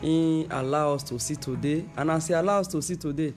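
A man co-hosting a morning radio talk on marriage, giving advice in a preachy, hurried way. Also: fairly high pitch, a little mellow, faint music behind.

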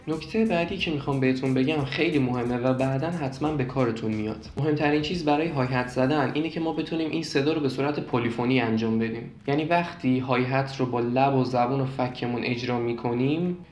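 A young man calmly explaining beatbox technique step by step, repeating points and demonstrating as he goes. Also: medium pitch, hardly any pauses, roomy sound, slight background noise. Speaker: beatbox teacher.

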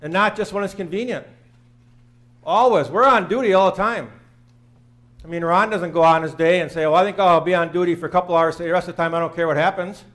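A man's voice: high-pitched, fast talker, a bit bright. A man in his fifties preaching a sermon in a small church, earnest and plain-spoken, repeating phrases for emphasis. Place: small church sanctuary, in front of the altar.

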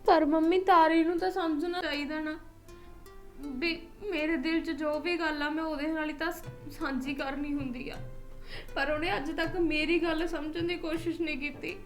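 A woman's voice: sits high, fairly even intonation, normal speed, echoey room, faint music behind, lightly acted. An actress playing a lonely young wife who plaintively voices her hurt in a family drama. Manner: plaintive, complaining softly.

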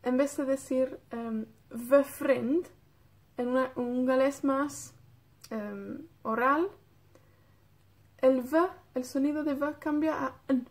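A woman's voice: high voice, fairly even intonation, slow pace. A woman from Wales with a North Welsh accent, teaching a beginner Welsh lesson in Spanish, patiently checking in with her students and drilling words.

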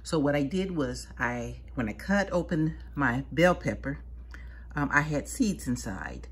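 Low-voiced and expressive, a woman talks at a measured pace while demonstrating seed starting in her sunroom. Her explanations as a home gardener are homey, patient and chatty, and her hands stay busy throughout.

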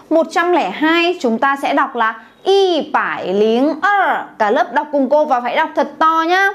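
A woman with a fairly high voice leads a beginners' language lesson. She checks in with the class through frequent questions and has them say each word back to her. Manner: calls on the class to repeat aloud, checks with questions. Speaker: Chinese teacher.

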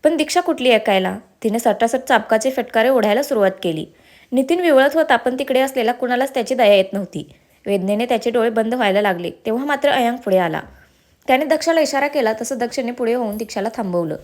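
Woman reading out a story episode, expressive, kinda high voice. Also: quick pace. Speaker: story narrator. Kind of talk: scripted story narration.

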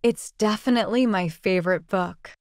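A woman reading short English practice sentences aloud in an even, deliberate way. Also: medium pitch.

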